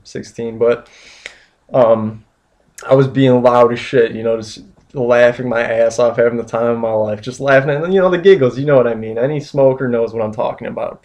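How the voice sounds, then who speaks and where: Young guy rambling through a story, says "you know" and "like" constantly, mid pitch. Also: darkish tone. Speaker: vlogger. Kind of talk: casual storytelling.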